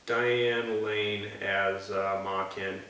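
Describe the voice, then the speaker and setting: A man's voice: fairly low pitch, flat delivery, drawn-out words, pushed and bright. A man co-hosting a casual movie review chat, with wry, offhand humor. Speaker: podcast co-host. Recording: echoey room, mic off at a distance.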